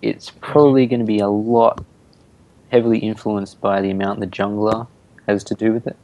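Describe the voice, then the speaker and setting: A teenage boy with an Australian accent, commentating a school esports match in a relaxed, easygoing way. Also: on the low side, normal speed, no room sound, low-quality recording. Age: teens. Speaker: student shoutcaster.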